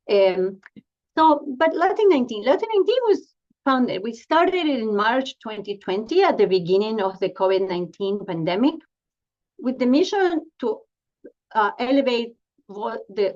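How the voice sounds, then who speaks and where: A woman from Argentina, a family doctor and professor, giving an earnest, halting talk from home over a video call, with many fillers and restarts. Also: mid-range voice, darkish tone, dull audio. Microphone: computer mic on a video call.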